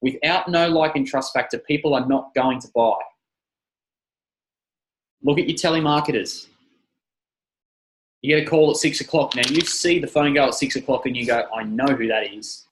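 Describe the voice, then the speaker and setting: A man who trains personal trainers, giving an energetic seminar talk and repeating his key phrases. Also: fairly high pitch, moderate pace, long pauses, low-quality recording.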